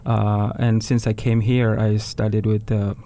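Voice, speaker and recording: A man from Bangladesh, a tabla player, talking in a radio interview in a halting way and often restarting words. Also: fairly low pitch, little pitch movement, mellow, slight background noise. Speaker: tabla player, guest musician. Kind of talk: casual interview talk.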